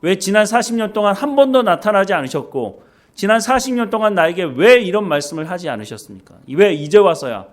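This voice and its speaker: A man preaching who voices a despairing, bitter shepherd pleading with heaven, in an animated, lively voice. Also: sits high, brisk. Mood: bitter complaint. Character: despairing middle-aged male shepherd, bitter and weary.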